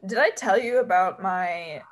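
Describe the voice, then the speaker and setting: A woman's voice: medium pitch, measured pace. A young woman co-hosting a podcast, chatting casually with sardonic, dramatic rants. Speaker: podcast co-host. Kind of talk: casual chat.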